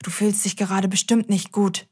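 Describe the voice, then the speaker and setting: A woman's voice: medium pitch, flat delivery, moderate pace, darkish tone, husky. A woman hosting a scripted children's audio show, cheerfully talking straight to the kids.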